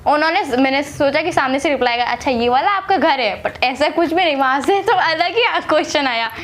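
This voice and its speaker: A woman's voice: high-pitched, expressive, brisk, fairly bright tone. A young woman from Agra, India, telling a personal story to camera in a chatty way, repeating herself and using many fillers. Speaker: vlogger telling her marriage story.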